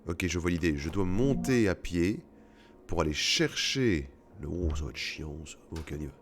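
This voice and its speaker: A man's voice: low-pitched, lively intonation, normal speed. A man playing through a horror game, chatting casually and cracking jokes with the odd swear word. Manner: joking, swearing asides. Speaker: let's play gamer. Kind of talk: casual gameplay commentary.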